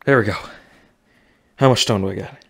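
A man's voice: lowish voice, brisk, gravelly, a bit bright, husky. A young man commentating his own VR gameplay, out of breath, narrating every move and muttering to himself. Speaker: gaming YouTuber. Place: home room with desk.

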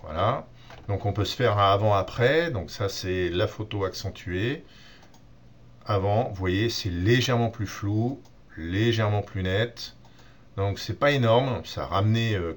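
A man giving a relaxed software tutorial on photo editing, explaining step by step with many fillers and restarts. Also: fairly low pitch. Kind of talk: screen-recorded software tutorial.

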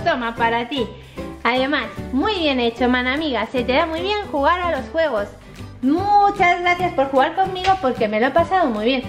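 High, bright sing-song woman from kids' toy videos, Spain Spanish. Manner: bright sing-song, exclamatory, squeaky cutesy delivery. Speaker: host of a children's toy video channel. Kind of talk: playful toy play narration for children. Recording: music behind the voice.

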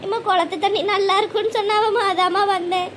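A woman's voice: very high voice, fairly even intonation, fast, background noise. A woman voicing a frightened, weepy old village grandmother in a cartoon. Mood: shaken, weepy. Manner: whimpering, pleading. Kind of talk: cartoon voice acting.

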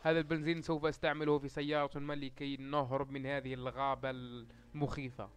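A young man giving let's-play commentary in formal Standard Arabic, excitable and yelling in panic when zombies attack, with joking asides to his viewers. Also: medium pitch, quick pace. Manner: speaks formal Standard Arabic to reach all Arabs. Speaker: gaming YouTuber.

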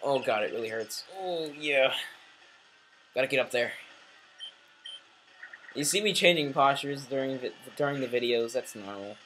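A man doing casual let's play commentary, rambling and self-deprecating, muttering asides then bursting into sudden shouts at the game. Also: medium pitch, moderate pace, pauses often, slight background noise. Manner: excitable, swings between mumbling asides and sudden shouts.

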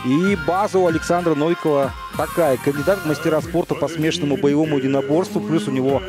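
Higher-voiced male fight commentator over loud music. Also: steady tone, quick pace. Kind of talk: live MMA commentary, conversational.

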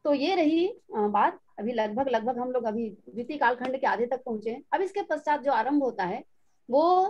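A middle-aged woman training children's teachers in an online session, explaining slowly and mimicking bad speaking habits. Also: high voice, expressive, darkish tone. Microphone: online video call. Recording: dull lo-fi online call audio.

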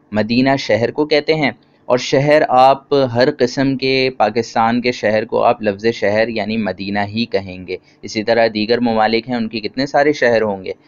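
A man gives a grammar lesson, explaining points patiently and checking with simple questions. His voice sits at an ordinary middle pitch. The recording sounds dull and lo-fi. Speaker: teacher. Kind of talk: grammar lecture.

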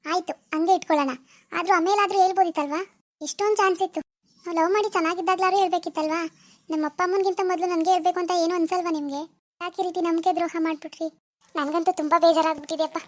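Racing along in a very high-pitched, steady tone, a woman acts out a hurt village woman who bitterly spurns her deceitful lover on a call. It's an amateur phone-call drama, reproachful and refusing in manner, with studio-quality sound and no room sound.

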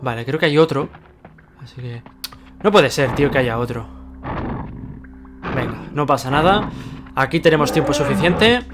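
A young man with a Spain Spanish accent narrates his own gameplay in a casual, impatient way, often swearing at the enemies. His voice sits at an ordinary middle pitch. Loud game music plays behind him. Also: moderate pace, pauses often. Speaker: gaming youtuber. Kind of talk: let's play commentary.

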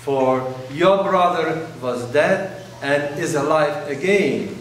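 A Russian-speaking priest in his forties delivers a sermon in a fairly high voice, using slow phrases broken by pauses. A distant camera captures him inside a large, very echoey church.

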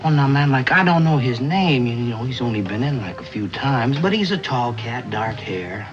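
A middle-aged American actor playing a self-important, laid-back beatnik club owner who jive-talks in rambling hipster slang in a 1950s TV drama. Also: male voice, mid-range voice, animated, normal speed, natural voice. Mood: confiding. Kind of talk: 1950s television drama acting. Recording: dull vintage TV soundtrack, music behind.

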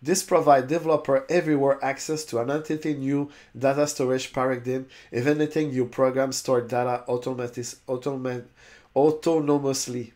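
Speaking fairly quickly in a steady, slightly mellow mid-range voice, this man reads a website out loud at his desk and comments on it, frequently tripping over and restarting long words. He's a crypto YouTuber in his forties with French as his first language, recorded indoors with a webcam overlay on his screen share.

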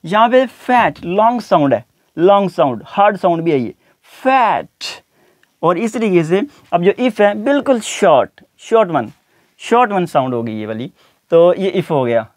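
A man teaching an English lesson, repeating each word slowly and deliberately. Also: sits high, animated, darkish tone, no echo, studio quality. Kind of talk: spoken language lesson.

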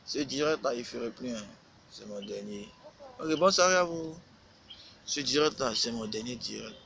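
A man's voice: medium pitch, lively intonation, moderate pace, gravelly, bright, forceful tone, a little hiss or hum, low-quality recording. A man, a rapper talking casually on a live stream, lecturing and scolding with lots of repetition.

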